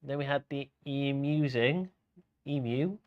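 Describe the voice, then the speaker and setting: A man working as a bingo caller and host, announcing each item in a measured way with spaced-out names. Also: medium pitch, narrow, tinny audio.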